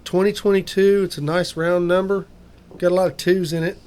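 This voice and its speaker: Man, podcast host, casual folksy chat, slightly high voice. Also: little pitch movement, fairly quick, darkish tone, clean tone. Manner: folksy, upbeat sign-off talk.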